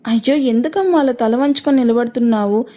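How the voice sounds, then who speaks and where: A woman voicing an affectionate elderly grandmother in an audio story, gently coaxing. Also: a little high, brisk, natural voice. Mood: tender.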